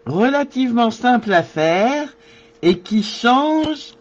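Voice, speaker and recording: A man leads a live card-making tutorial, talking to his viewers and thinking aloud as he works. His voice sits high and swoops lively up and down, and he speaks very slowly. The recording is slightly dull and lo-fi. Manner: slow, thinking aloud while working.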